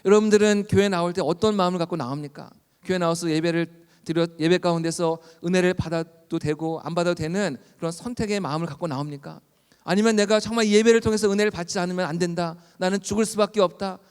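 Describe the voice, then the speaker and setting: High, ringing-voiced preacher in a hall. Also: male voice, clear, resonant tone. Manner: earnest, builds to loud fervent pleas when voicing biblical cries. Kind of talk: sermon. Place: church hall. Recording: long reverb of a church hall.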